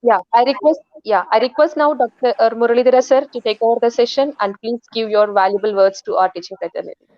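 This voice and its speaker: A woman's voice: on the high side, quick pace, no room sound, dull audio. A woman with an Indian English accent coordinating a live online session, polite and addressing people as sir again and again. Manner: polite, keeps saying "sir".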